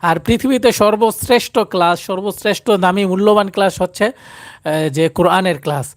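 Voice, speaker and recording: A man's voice: high-pitched, brisk, no room sound, clean studio sound. A man teaching Quran recitation in a live stream, often pleading with viewers to like and share.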